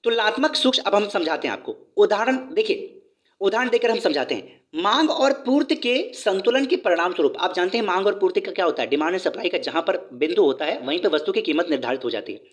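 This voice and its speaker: A man's voice: sits high, fairly bright tone. A man teaching a lesson on video, who reads from a book, explains in his own words, repeats points and asks rhetorical questions. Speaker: economics teacher.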